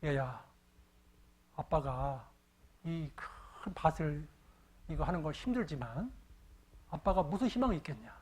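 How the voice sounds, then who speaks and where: A pastor doing a weeping farmer dad. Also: male voice, a little high, expressive, a little slow, pauses often, slightly rough, pitched below the performer's own voice. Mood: tender, tearful. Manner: tender and pleading, later boastful and shouting. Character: weeping rural farmer father, middle-aged man.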